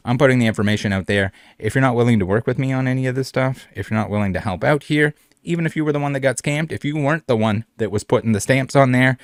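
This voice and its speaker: A man's voice: mid-range voice, no room sound, studio quality. A man hosting a trading card video in casual commentary, rambling and repeating phrases, with many fillers. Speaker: trading card channel host.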